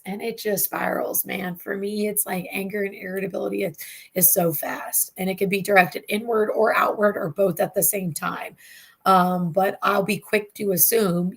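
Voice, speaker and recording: Woman, therapist host, gravelly voice, candid casual teaching. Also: mid-range voice. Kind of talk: live online talk show.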